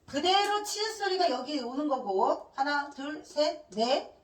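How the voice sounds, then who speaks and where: A woman teacher lectures a class in a high, very animated voice, quizzing the room and answering her own questions. She drills letters one by one. The sound is roomy and echoey, caught from some distance off the mic. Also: a little slow. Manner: asks questions and answers them herself.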